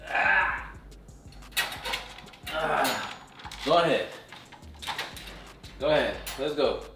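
A man's voice: on the high side, expressive, very slow, music in the background, exaggerated voice. A man playing a grumpy, exasperated seventy-year-old grandpa, grumbling in a loosely improvised family comedy skit. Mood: weary grumbling. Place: around a house, indoors and outdoors. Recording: noisy, roomy, distant camera-mic sound.

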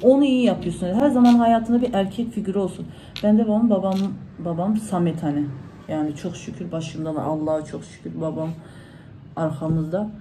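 A woman's voice: on the low side, a little fast, dark tone, slight background noise, rough recording. A woman vlogger, chatting casually to her followers at home and retelling conversations in reported speech. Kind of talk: casual vlog talk to followers.

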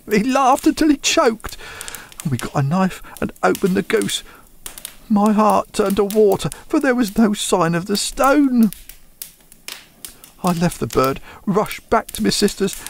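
A man's voice: sits high, a little hiss or hum. A man playing a frightened young thief who confesses in a desperate, pleading way in a radio drama. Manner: desperate, pleading, breaking into sobs.

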